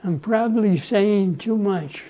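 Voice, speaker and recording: A man in his nineties from El Salvador, whose first language is Spanish, telling his life story to his grandchild in an unhurried way, often clearing his throat and chuckling. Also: sits high, dark tone, rough recording. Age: 90s. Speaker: grandfather being interviewed. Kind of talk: relaxed life-story interview.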